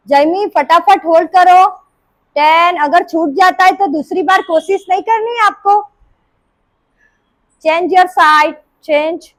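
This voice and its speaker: A yoga teacher with a sore throat counts reps and scolds her live group class into holding their poses in an indoor yoga room. Her voice is extremely high-pitched, and the poor-quality audio has no room sound.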